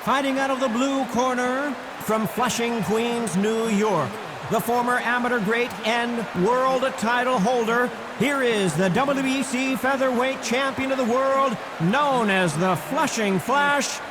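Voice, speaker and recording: A man playing a grand boxing ring announcer, theatrically introducing fighters with stretched-out, shouted names. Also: very high-pitched, unhurried. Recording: very noisy arena announcement.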